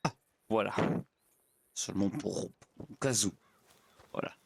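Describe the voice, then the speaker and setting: Speaking a little slowly with vocal fry and a fairly low pitch, a roleplay player voices a naive, courteous young pastor on the frontier. He stammers and repeats himself while chattily addressing his horse in fussy, formal terms, over slight background noise.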